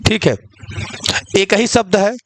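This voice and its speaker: A man's voice: high voice, slow pace, gravelly. A male teacher giving an online exam-prep lecture, posing questions to the class and answering them himself, with frequent check-ins. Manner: repeats "ठीक है" often.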